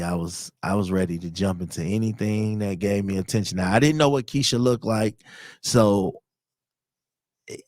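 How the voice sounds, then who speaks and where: A man in his thirties hosts a podcast, recounting personal stories in a slangy, conversational style and voicing quoted dialogue. He's from Chicago in the United States, speaks at a fairly low pitch, and is recorded dry at studio quality.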